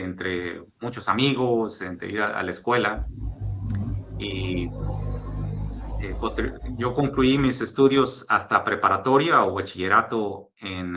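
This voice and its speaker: A man in his fifties from Mexico talks through his story in a relaxed interview. His voice sits low but sounds bright and forward. He speaks in a measured, thoughtful way, pausing with fillers and restarting phrases. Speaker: guest, oil and gas executive.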